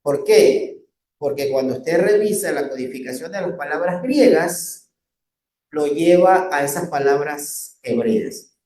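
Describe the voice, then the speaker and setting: Slow, explaining male Bible teacher, roomy sound. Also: on the high side, lively intonation, a little mellow. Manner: slow and explanatory, keeps checking with "¿no?" and "¿ok?". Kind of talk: Bible study lesson with slides.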